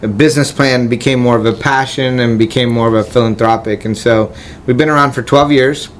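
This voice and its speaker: A man who was born in Colombia and raised in Florida, a nonprofit CEO answering interview questions in a relaxed, friendly way with frequent fillers. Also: mid-range voice, fairly quick, slight background noise.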